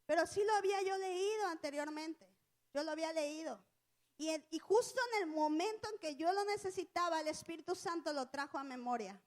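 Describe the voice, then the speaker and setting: A woman teaches a church lesson in a loose, conversational way. Her voice sits very high, and she weaves a personal story through it with colloquial asides. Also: fairly quick, a little mellow.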